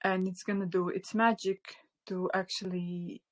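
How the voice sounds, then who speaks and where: Teaching a live online spiritual class, a woman whose first language is Latvian speaks off the cuff with little pitch movement at a middle pitch. She's soft and hesitant, with many fillers and restarts, occasionally near a whisper, recorded on a phone mic.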